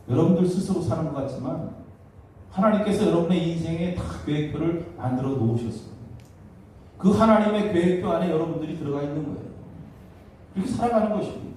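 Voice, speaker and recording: A man's voice: a little high, a little mellow, a little hiss or hum. A male pastor preaching a sermon. He speaks emphatically, repeats his key phrases, and acts out the voices of complainers. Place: church sanctuary. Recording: echoey church hall, mic at a distance.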